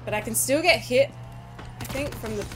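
Woman, gameplay commentator, higher voice, anxious, profane, pleading, light music underneath. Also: normal speed. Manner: nervous, swearing, pleading with the game. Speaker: gaming YouTuber.

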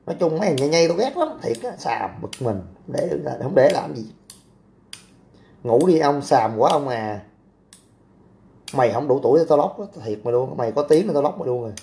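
A man's voice: medium pitch, mellow. A young man, hosting a casual livestream, reading out comments and talking back in a brash, crude way. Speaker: livestream host.

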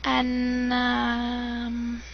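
A young American woman rambles on her webcam in a casual vlog, sounding bored and giggly and saying "um" a lot. Her voice is a little high and monotone, very slow, with vocal fry. She's in a dim indoor room, and the built-in webcam mic gives dull lo-fi audio with faint hiss.

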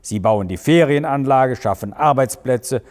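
A man's voice: mid-range voice, animated, unhurried, a little mellow, in a large hall, close to an everyday voice. A man voicing a stern, pushy male district administrator who gives orders and lectures. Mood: commanding. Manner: commanding, lecturing.

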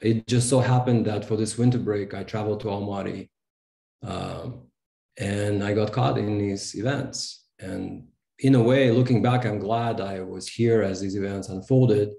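A man in his thirties from Kazakhstan, a sociology professor giving a fluent, measured panel talk. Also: fairly low pitch, fairly even intonation, gravelly, mellow. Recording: roomy video call audio.

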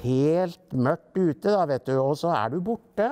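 A man's voice: fairly high pitch, lively intonation, mellow, natural voice. A man voicing an impatient teenage big brother who speaks in an exasperated way in a read-aloud storybook.

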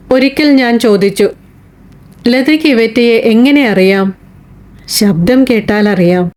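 A woman narrating a literary short story in a measured, reflective reading style for an audiobook. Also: medium pitch, darkish tone.

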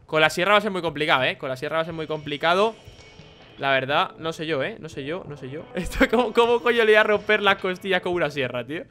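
A young man with a Spain Spanish accent, giving excitable, chatty gameplay commentary and laughing often. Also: on the high side, quick pace, soft background music. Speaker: gaming YouTuber.

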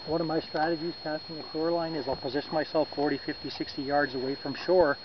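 Talking quickly in a voice on the high side, this thirtysomething fishing vlogger explains things casually from a lake boat, gesturing and occasionally correcting himself or using fillers. His tripod camera sits a few meters off, and its lo-fi audio sounds dull and windy.

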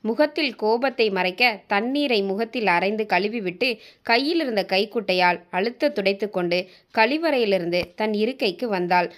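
A woman with a Tamil accent narrates a short story in a steady, even reading voice. Her pitch sits in the middle range. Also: normal speed.

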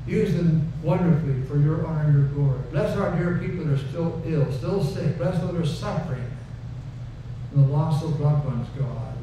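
Speaking at a normal pace in a voice on the high side, this older pastor delivers a sermon from the pulpit with a folksy, chatty feel, leaning on repeated phrases, then moves into prayer. Indoors on a wood-paneled church stage, he uses a headset mic. The audio is noisy, with an echoey room that makes him sound distant and dull.

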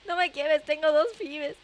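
Speaking slowly in a steady tone, a Japanese woman streamer with a very high anime-like voice chats playfully and casually with her viewers, frequently exclaiming and saying things more than once.

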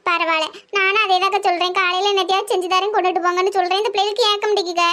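A woman voicing a melodramatic middle-aged village housewife in a cartoon comedy, theatrical and sharp-tongued. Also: fairly even intonation, racing. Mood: complaining. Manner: shrill, theatrical wailing and complaining.

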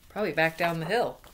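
Sitting in a small room at home, a woman in her forties from America acts as a read-aloud storyteller, bringing a picture book to life and stopping to chat with and question the young audience. Her pitch is fairly low, and there's some background noise.

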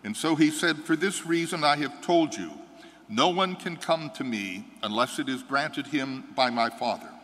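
An older American priest reading the gospel and then preaching a homily in an earnest, measured way that builds to firm conviction. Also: male voice, medium pitch, fairly bright tone. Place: large church sanctuary, seated before an altar. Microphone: fixed microphone at the altar. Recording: church reverb from the hall.

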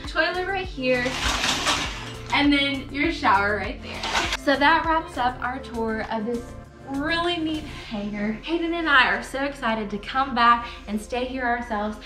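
A woman's voice: high-pitched, lively intonation, a little slow. A young woman narrating a casual home tour in a bubbly, gushing manner. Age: young adult. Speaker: travel vlogger. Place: indoor hangar home. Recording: roomy echo with faint music.

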